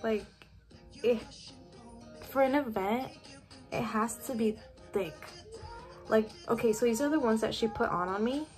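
A woman's voice: on the high side, unhurried, pauses often. Teen vlogger girl, bedroom webcam chat, rambly and full of "like", faint music behind. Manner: chatty, lots of "like" fillers. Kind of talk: casual chat to camera. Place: bedroom at home.

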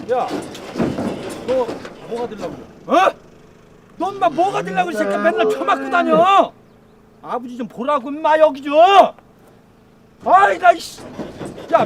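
A hot-tempered country father with a drawl, played by a man, his voice high and swinging widely as he scolds with coarse words. He sounds a little way from the mic, with clear noise behind him in this film recording. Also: distant mic. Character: angry rural father, middle-aged, hot-tempered. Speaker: farmer and father. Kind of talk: film drama acting.

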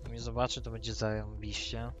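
A man's voice: lowish voice, monotone, brisk, a bit bright. A tipsy man giving rambling, casual commentary as he hosts a let's-play. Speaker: gaming video host. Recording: noisy, with game ambience behind. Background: video game ambience.

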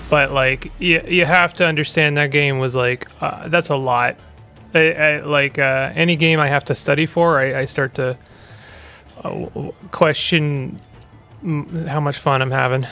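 A man's voice: fairly high pitch, sharp tone. A man hosting a gaming channel, giving rambling, chatty let's play commentary with stumbling restarts.

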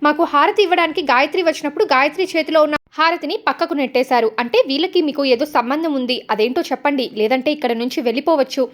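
Defiant young bride, firm and sharp, high-pitched, read by a woman. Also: racing, hardly any pauses, close to an everyday voice. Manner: firm, confrontational.

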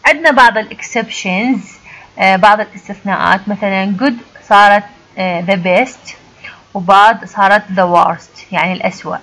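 An Iraqi woman gives an English grammar lesson in a patient, step-by-step classroom manner. She reads the English example sentences out slowly, then translates them into Arabic in a conversational voice at a mid pitch. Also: fairly bright tone, rough recording. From Iraq. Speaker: English teacher.

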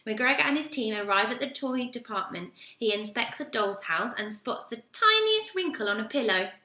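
A woman reading a children's storybook aloud in a lively, expressive way. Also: on the high side, moderate pace. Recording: roomy echo.

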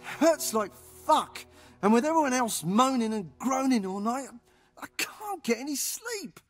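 A man's voice: very high voice, big pitch swings, measured pace, fairly bright tone, faint music behind, exaggerated voice. A male actor voicing an irritable, injured, sleepless man in a video game, moaning and complaining in pain.

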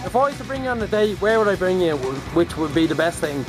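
A man's voice: high voice, sing-song, fast. A young man with an Irish accent, vlogging casually and interviewing passers-by in a boisterous, sweary, slangy way. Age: young adult. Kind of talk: casual street vlog chat, quizzing passers-by. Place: busy shopping streets, pub and shops. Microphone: phone at arm's length. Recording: handheld phone recording with music and crowd noise. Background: music, crowd, street traffic.

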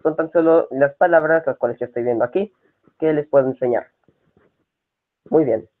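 A man teaching a live-streamed language lesson, repeating each word and spelling it out letter by letter. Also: a little high. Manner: slow, spells words out letter by letter. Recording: tinny phone-like sound.

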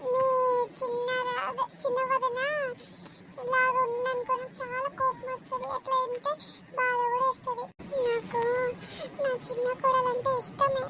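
A woman voicing a fussy, tearful old mother-in-law in a cartoon, talking in a pleading, long-winded way. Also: very high voice.

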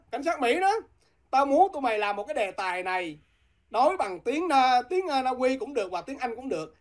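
A woman speaks quickly, pressing her points in a heated, combative flow. Her voice sits a little high, and she keeps challenging her listeners with repeated, pointed questions. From Vietnam. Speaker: guest. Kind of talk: heated political talk.

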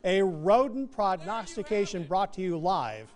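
A man's voice: sits high, expressive, measured pace, a little mellow. A man anchoring television news, giving live commentary on an event.

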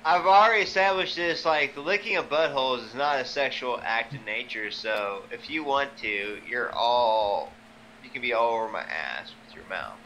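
A man's voice: medium pitch, animated, moderate pace, bright, forceful tone, slight background noise, rough recording. A man chatting casually and crudely with friends during an online game. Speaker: gamer in a squad voice chat.

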